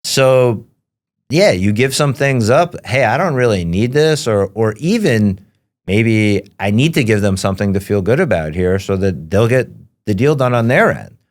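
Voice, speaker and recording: A man's voice: fairly low pitch, expressive, moderate pace. A man hosting a podcast, talking in a chatty, conversational way and often checking in with "right?" and "you know?". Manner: chatty, conversational, tag questions. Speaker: podcast host. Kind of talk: casual podcast interview.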